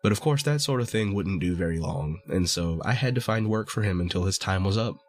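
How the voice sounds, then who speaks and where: A man's voice: deep voice, animated, a little fast, soft background music. A man voicing a sly little male dwarf who haggles and coaxes in a storybook reading. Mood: chatty. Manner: wheedling, coaxing haggler.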